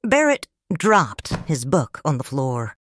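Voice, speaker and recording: Speaking as a grieving widow and mother in scripted audiobook narration, a woman reads in the first person with a low voice and big pitch swings. Her delivery is slow, soft, tender and reflective, captured in clean studio sound with no echo.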